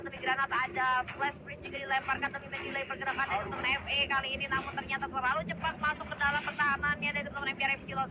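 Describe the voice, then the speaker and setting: A high-voiced woman shoutcasts an esports match like a game announcer. She talks very quickly, dropping English gaming terms into the play-by-play over loud background noise. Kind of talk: live mobile battle royale match commentary.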